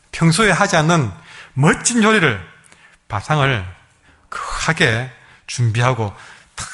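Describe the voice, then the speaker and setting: A male pastor with a Gyeongsang accent, preaching a sermon as a lively storyteller who acts out the people in his stories. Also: on the high side. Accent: Gyeongsang Korean. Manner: lively storyteller, acting out quoted dialogue.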